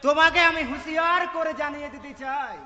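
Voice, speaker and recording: An actor playing a proud, blustering royal brother in a Bengali historical stage drama, haughty and confrontational. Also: male voice, very high voice, steady tone, a little fast, pushed and bright, muffled recording. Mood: haughty, warning. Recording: echoey hall, music clearly behind.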